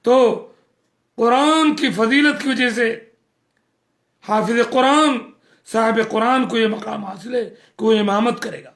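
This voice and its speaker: A man's voice: extremely high pitch, vocal fry, fairly bright tone. A man preaching a sermon, earnest and scolding, repeating phrases for emphasis.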